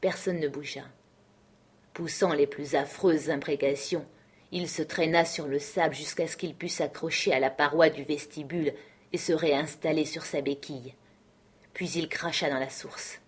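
A woman reads a novel aloud at a calm, measured pace. Her voice is low and a little husky. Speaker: audiobook reader. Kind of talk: scripted narration.

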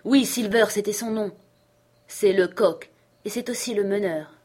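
A woman's voice: mid-range voice, a little slow, a little mellow, breathy edge. Woman reader as a wild old castaway man, eager and rambling. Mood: excited. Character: ragged half-mad old male castaway, excitable.

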